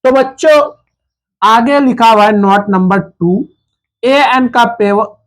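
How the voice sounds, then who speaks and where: A man's voice: very high-pitched, takes it slowly. A man teaching a grammar lesson to children, asking them questions and answering them himself, repeating the key words again and again.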